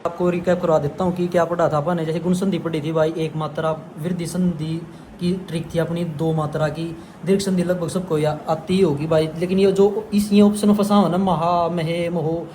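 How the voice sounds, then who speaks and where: Young guy teaching exam tricks, kinda high voice, chatty, bit of faint noise. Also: level tone, moderate pace, warm tone. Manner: chatty, repeats "bhai" to the viewer. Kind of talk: casual explainer lesson.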